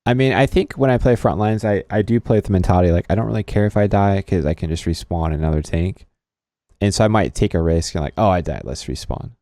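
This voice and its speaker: A man's voice: on the low side, fast talker, warm tone, no room sound, studio quality. A man co-hosting a casual gaming podcast, laid-back and joking. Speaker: podcast co-host.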